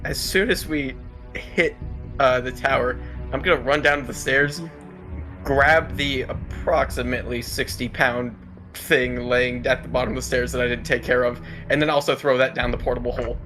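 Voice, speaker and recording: A man's voice: mid-range voice, fairly even intonation, normal speed, sharp tone, soft background music. A man playing in a tabletop game, joking around with the others. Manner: joking, playful. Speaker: player.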